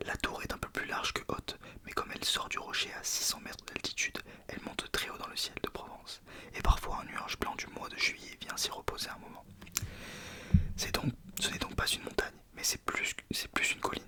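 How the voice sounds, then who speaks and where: A man reading in a soft ASMR whisper, informal, sometimes stumbling over words and correcting himself. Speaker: ASMR video creator. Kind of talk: whispered ASMR book reading with casual asides.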